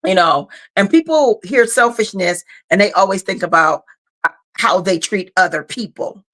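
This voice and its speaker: A woman's voice: mid-range voice, moderate pace, fairly bright tone. A woman co-hosting a podcast in casual chat, frank and talkative, tired and yawning after a long day. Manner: frank, talkative, peppered with "you know". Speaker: podcast co-host.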